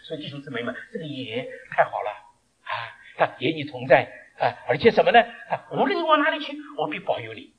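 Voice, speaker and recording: A male preacher delivers a sermon, weaving stories together with rhetorical questions. His fairly high voice rises and falls in lively swings. He moves from loud, emphatic lines to hushed asides. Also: brisk, dull audio, crowd noise.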